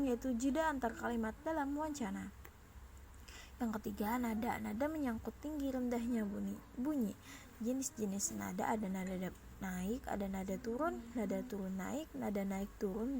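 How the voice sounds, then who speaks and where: A woman's voice: a little high, gravelly, slight background noise. A young woman with an Indonesian accent, a student presenter reading lecture notes aloud carefully, with small slips and restarts. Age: young adult.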